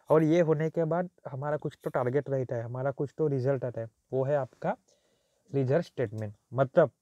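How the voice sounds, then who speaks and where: A man's voice: mid-range voice, warm tone, no room sound. A man teaching a technical lecture who mixes Hindi with English terms, repeats his points, and asks and answers his own questions. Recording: dull, slightly muffled recording.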